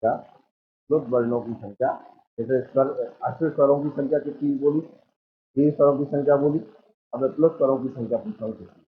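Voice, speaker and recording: A man's voice: medium pitch, steady tone, brisk, long pauses. A man teaching a coaching class, quizzing his students again and again as he explains. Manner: drills the class with repeated questions. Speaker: Hindi teacher. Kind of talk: exam coaching lecture. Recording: tinny phone-like sound.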